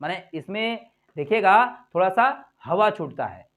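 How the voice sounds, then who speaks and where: A man teaching English pronunciation in a video lesson, repeating vowel sounds and words slowly for learners to copy, asking questions and answering them himself. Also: sits high, expressive, fairly bright tone. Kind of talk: phonics lesson to camera.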